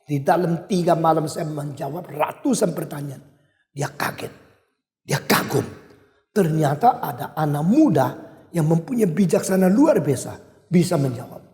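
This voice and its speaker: An older male pastor with an Indonesian accent preaching a sermon with emphatic swings in loudness. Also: on the high side, expressive, unhurried. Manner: emphatic, wide swings in loudness, switches briefly to English. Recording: echoey hall.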